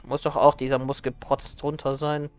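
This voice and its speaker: A man livestreaming a game as a vtuber, chatting casually and thinking out loud as he plays. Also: mid-range voice, level tone, normal speed, clean tone, no echo, faint music behind. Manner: vtuber-style streaming chatter, thinking aloud. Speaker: livestreamer playing a zombie game. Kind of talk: casual German let's play commentary.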